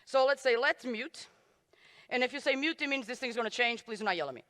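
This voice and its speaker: A woman's voice: a little high, animated, fairly quick, fairly bright tone. A woman giving a live coding talk at a conference, joking at her own expense as she types. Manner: self-deprecating, joking asides while typing. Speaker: conference speaker. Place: conference stage in a large hall. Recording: reverberant hall.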